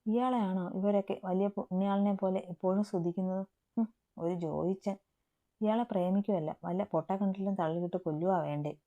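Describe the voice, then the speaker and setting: A woman's voice: mid-range voice, a little fast, phone-quality sound, natural voice. Woman voicing a sulky, grumbling college girl. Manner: muttering, grumbling, stammering. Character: young woman student, timid but sulky and sharp-tongued.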